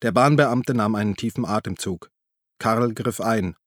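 A man narrating a crime novel in a measured, even tone. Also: on the low side, no echo. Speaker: audiobook narrator. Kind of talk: scripted narration.

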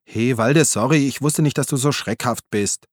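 A man's voice: mid-range voice, normal speed, dry recording, studio quality, lightly acted. A man voicing a pushy, apologetic male journalist friend in an audiobook, eager and coaxing. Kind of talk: audiobook reading.

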